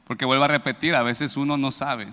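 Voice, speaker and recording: A man's voice: mid-range voice, brisk, in a large hall. A man preaching a sermon and telling a personal testimony, acting out the voices of the people in his story. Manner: animated storytelling, acts out quoted voices, builds to loud praise.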